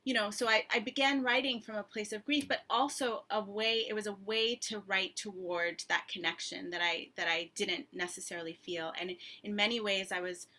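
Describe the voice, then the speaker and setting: A woman's voice: mid-range voice, fairly even intonation, normal speed, few pauses, pushed and bright. A woman author in her thirties answering at length in a thoughtful, conversational way, with frequent ums and restarts. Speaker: author and guest.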